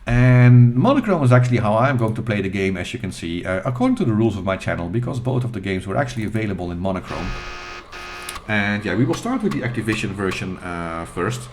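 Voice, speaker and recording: A middle-aged man hosting a retro gaming channel, talking over gameplay in a casual, halting and self-deprecating way with fillers and restarts. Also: fairly low pitch, animated, background noise.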